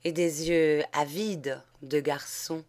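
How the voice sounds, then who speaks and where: Slow, measured woman reading a classic tale. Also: sits low. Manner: measured and expressive, slowing for dramatic moments. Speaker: audiobook reader. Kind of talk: literary audiobook narration.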